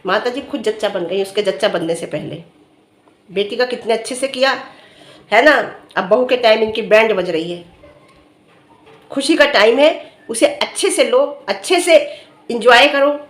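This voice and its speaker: A woman's voice: a little high, moderate pace, pauses often, echoey room. A middle-aged woman vlogger giving direct-to-camera commentary, earnestly lecturing and scolding with rhetorical questions. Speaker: vlogger commenting on another family's dispute.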